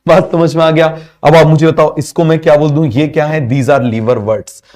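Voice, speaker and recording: A man's voice: on the high side, flat delivery, fairly quick, darkish tone. A male teacher giving a biology class, asking constant questions, having students repeat answers, and mixing English terms into Hindi.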